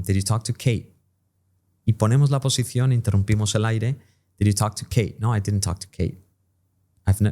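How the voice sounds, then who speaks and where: A man's voice: fairly low pitch, mellow. A man, an English teacher and interview guest, who explains pronunciation and demonstrates English sounds as he talks.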